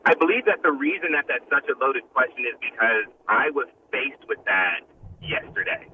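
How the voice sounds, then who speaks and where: A man's voice: mid-range voice, animated, normal speed. Man on a clipped hands-free phone line. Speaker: guest speaker. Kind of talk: casual interview answers. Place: moving car. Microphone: hands-free car phone. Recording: dull phone line with faint road noise.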